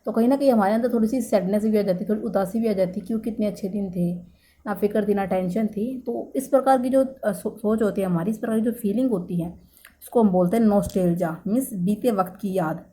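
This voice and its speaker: Slow, mellow-voiced woman teacher. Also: mid-range voice, a little hiss or hum. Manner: explains slowly and repeats key words, with many "thik hai" check-ins. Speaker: English vocabulary teacher. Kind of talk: exam-prep vocabulary lesson.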